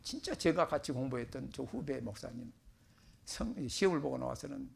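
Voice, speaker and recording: A middle-aged man from Korea, a pastor giving a chatty sermon, joking about himself and then pressing his points with loud bursts. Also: medium pitch, expressive, moderate pace, gravelly, breathy edge. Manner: chatty, self-joking preacher with sudden loud emphasis. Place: church sanctuary.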